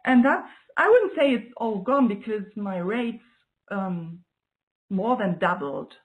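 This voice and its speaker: A German woman, a native speaker with a German accent, talks slowly in a medium-pitched, animated voice on a rough recording. She's a guest in an interview, giving a client testimonial, and sounds reflective and casual, often hunting for the right words.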